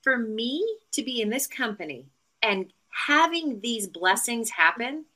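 A woman's voice: on the high side, expressive, measured pace, sharp tone, rough recording. A middle-aged woman, a real estate agent, chatting as a podcast guest and telling stories with lots of fillers and restarts. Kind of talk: casual podcast interview.

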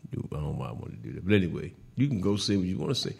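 Gravelly-voiced man hosting a sports talk show. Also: deep voice, very fast. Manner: animated, laughing, teasing rival fans; repeats words and restarts often. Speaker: host.

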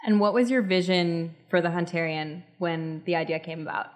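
A woman's voice: lowish voice, fairly even intonation, moderate pace, a little mellow. A woman hosting a podcast and putting questions to a guest. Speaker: podcast host and interviewer.

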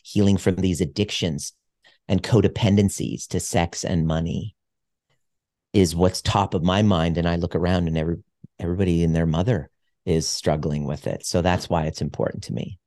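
A man's voice: deep voice, steady tone, moderate pace, warm tone, no echo, studio quality. A man in his forties, a podcast guest, talking in an earnest, reflective way with frequent restarts. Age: 40s. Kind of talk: casual conversation.

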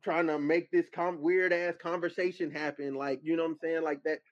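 A man's voice: fairly high pitch, flat delivery, brisk, dry recording. A man in his thirties in a casual group podcast chat, cutting in over others with repeated "so look" and "no, no, no". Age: 30s. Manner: talks over others, keeps saying "so look" and "no, no, no". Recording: dull lo-fi podcast audio.

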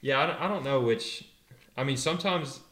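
A young man and pro rider answering interview questions in a relaxed, hesitant way, full of fillers and restarts. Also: mid-range voice, a little fast, reverberant. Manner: laid-back, hesitant, many fillers and restarts. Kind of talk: casual interview.

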